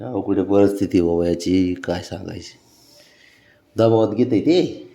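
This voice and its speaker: A man's voice: low-pitched, a little slow, creaky, warm tone, reverberant. A man chatting casually to his pet cat, coaxing and teasing it in a playful baby-talk way. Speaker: pet owner vlogger.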